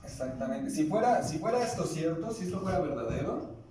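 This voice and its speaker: A man's voice: on the high side, animated, brisk, mellow, soft background music. A man with a Mexican Spanish accent teaching a language class, explaining patiently and questioning his students. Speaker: Nahuatl teacher. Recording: echoey room, distant mic, faint noise.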